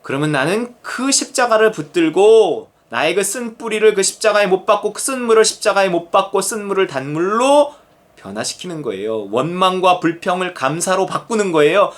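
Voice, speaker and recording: A man delivering a sermon as pastor, his voice sitting a little high and moving with wide, lively swings. He presses his points with earnest emphasis, then falls to hushed, prayerful tones. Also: moderate pace.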